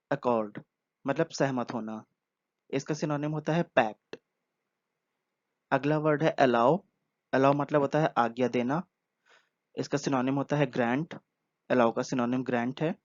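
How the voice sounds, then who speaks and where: A man's voice: mid-range voice, no echo. Guy going through vocab words one by one, patient, repeats stuff, dry muffled earphone mic sound. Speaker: English vocabulary teacher. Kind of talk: word-by-word vocabulary lesson. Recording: dull lo-fi earphone recording.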